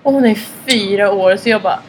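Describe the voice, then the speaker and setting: A woman's voice: medium pitch, slight background noise, low-quality recording. A young woman from Sweden, co-hosting a podcast and telling stories casually, often quoting English lines. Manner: chatty storyteller, mixes English quotes into Swedish. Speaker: podcast co-host. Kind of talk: casual chat.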